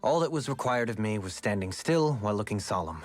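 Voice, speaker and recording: An actor playing a refined, gentle and eccentric former lord in a game, speaking in formal, courtly phrasing. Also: male voice, on the low side, expressive, a little fast, faint music behind. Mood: reflective. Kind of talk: game character dialogue.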